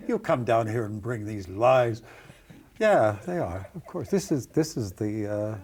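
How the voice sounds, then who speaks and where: A man in his seventies, chatty and joking, with a gravelly voice. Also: on the low side, animated, takes it slowly, darkish tone. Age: 70s. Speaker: interviewee.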